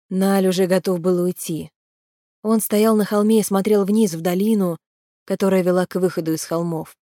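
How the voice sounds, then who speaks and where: A woman's voice: on the low side, warm tone, no room sound. Woman reading an audiobook, dry sound. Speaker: audiobook narrator. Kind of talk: scripted narration.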